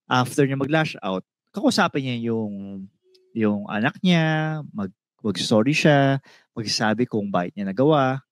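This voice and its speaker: Animated man on a dry mic. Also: mid-range voice, no room sound. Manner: animated, searching for words. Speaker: podcast co-host. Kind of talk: casual podcast chat, mixing in English.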